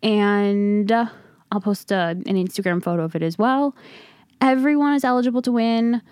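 Young woman, podcast host, rambling upbeat chat, smooth voice, dry close sound. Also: medium pitch, normal speed, a little mellow, no room sound. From Long Island, New York. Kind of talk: casual solo podcast chat. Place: home.

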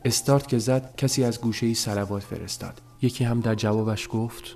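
A man narrating a story as an audiobook, in a measured, subdued telling. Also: medium pitch, fairly even intonation, a little mellow, faint music behind.

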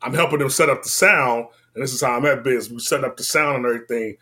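A man in his forties with a Washington, D.C. accent, telling his story in a casual, slangy, laid-back way that drifts between loud and low. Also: fast.

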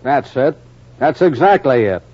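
A man's voice: medium pitch, expressive, measured pace, darkish tone. An actor playing a blunt, slangy 1930s-style beat cop, a defensive father, in an old radio drama. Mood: defensive, angry. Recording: dull, noisy old radio recording.

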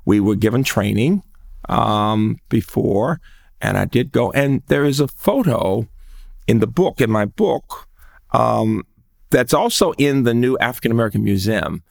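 A man's voice: mid-range voice, animated, measured pace, gravelly. An older man, an educator, recounting his memories in an earnest, emphatic way during an interview. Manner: earnest storyteller, thoughtful and emphatic. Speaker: guest, educator.

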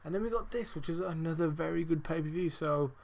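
Swearing, excitable podcast man. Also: fairly high pitch, fast, vocal fry. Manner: heavy swearing, rambling with many fillers; excitable, emphatic. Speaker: podcast host. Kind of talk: casual wrestling review podcast.

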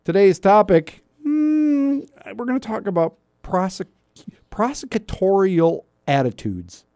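A man's voice: high voice, big pitch swings, unhurried, darkish tone, dry recording, clean studio sound. A man hosting a radio show in casual banter, wry and mock-grumbling, often asking rhetorical questions. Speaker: radio talk show host.

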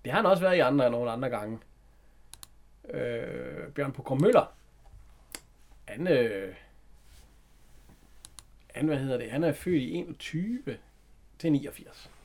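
A man's voice: medium pitch, animated, pauses often, a little mellow. A man co-hosting a casual chat, retelling an old film, hesitant and laughing often. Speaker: podcast co-host.

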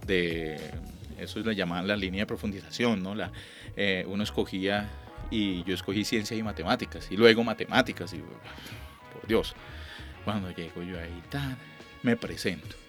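A middle-aged Colombian man, a lyric singer, telling stories in a chatty, animated way during an interview, acting out the dialogue he recalls. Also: low-pitched, moderate pace, soft background music. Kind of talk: relaxed storytelling.

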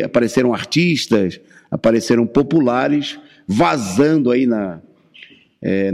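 A man giving a political radio commentary, halting, with many fillers and restarts. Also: mid-range voice, vocal fry, warm tone, in a large hall.

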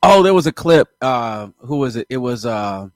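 A man hosting a casual chat, an animated storyteller who keeps laughing and acting out what others said. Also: mid-range voice, normal speed, no echo, studio quality.

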